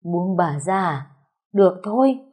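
An enraged young man growls and shouts his threats through clenched teeth, as a woman narrator acts him out. The voice is dark and husky. It is an audio story read by one narrator. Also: fairly low pitch, animated, measured pace. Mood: menacing.

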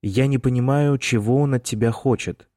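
A man's voice: medium pitch, normal speed, dark tone, no room sound, studio quality, pitched above the performer's own voice, lightly acted. A man reading the part of a fussy, disapproving middle-aged mother, in a nagging, reproachful manner.

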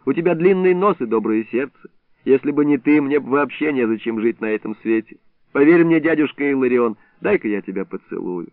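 A man's voice: medium pitch, animated, a little fast, no echo, close to an everyday voice. A man voicing an eager, affectionate young male village schoolboy, recorded dry with a narrow, phone-like sound. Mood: tipsy affectionate. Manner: eager, exclaiming.

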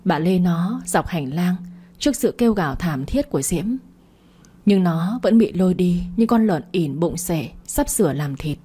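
A woman reading a dramatic family story as narrator, in a steady storytelling way. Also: lowish voice, normal speed, husky.

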